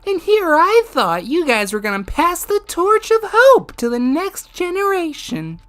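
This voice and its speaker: A man's voice: extremely high pitch, huge pitch swings, a bit bright, pitched above the performer's own voice, heavily acted. A man voicing a sly, gleefully cruel male bear mascot villain in a video game, with a somewhat sick voice. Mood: mock-sorrowful. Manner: slow, singsong, mock-sorrowful taunting.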